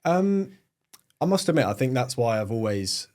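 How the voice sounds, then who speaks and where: A man's voice: medium pitch, sing-song, normal speed, a little mellow. A young man from England with a British accent, chatting casually as a podcast guest and filling his talk with "like" and "um". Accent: British English. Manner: chatty, many fillers like "like" and "um". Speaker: guest, agency owner.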